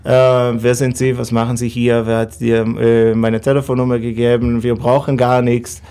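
A rabbi in his thirties, a Hebrew speaker with an Israeli accent, answers interview questions in careful, non-native German, often pausing to hunt for words. His middle-pitched voice is gravelly and creaky yet warm, with a flat delivery, many fillers and halting, non-native phrasing.

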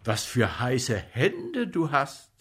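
A man voicing an agitated, boozy male comic actor who fusses loudly over a sick friend. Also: extremely slow, husky, full character voice. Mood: fussing. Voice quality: loud, excitable, high-pitched.

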